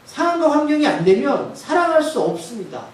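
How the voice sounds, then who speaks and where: A man's voice: very high-pitched, very animated, fairly quick. A male pastor preaching a sermon, often putting questions to the congregation. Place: church sanctuary. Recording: echoey church hall from far off.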